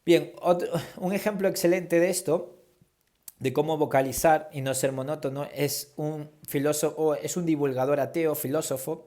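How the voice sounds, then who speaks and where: A man's voice: fairly high pitch, mellow. A man teaching a preaching workshop, explaining public speaking techniques in a conversational way and acting out examples of tone and gesture. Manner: conversational, demonstrates tones and gestures while explaining. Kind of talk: instructional talk on public speaking.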